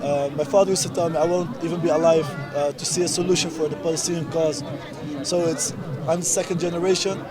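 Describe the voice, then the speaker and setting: A man's voice: on the high side, fairly even intonation, fast talker. A man in his twenties from the Netherlands, interviewed at an outdoor street protest, speaking earnestly and emphatically in short insistent phrases. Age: 20s. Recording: outdoor street recording with loud crowd. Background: crowd of protesters.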